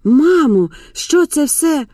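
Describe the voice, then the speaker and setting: A woman reading the part of a shocked, desperate young woman, with a high, strained, pleading delivery. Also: lively intonation, measured pace, mellow, no room sound, clean studio sound. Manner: pleading, raised and shrill.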